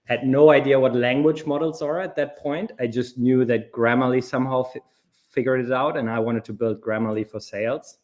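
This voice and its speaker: A man of middle pitch speaks as a founder guest on a webinar over a video call. He talks in a casual, loose way, with fillers between his thoughts. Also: fairly even intonation, a little fast, darkish tone. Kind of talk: webinar talk.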